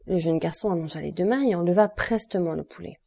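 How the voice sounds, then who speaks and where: A woman narrates a classic novel for an audiobook in a measured, even way. Her voice is mellow and dark, a little low in pitch. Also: vocal fry. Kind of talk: scripted literary narration.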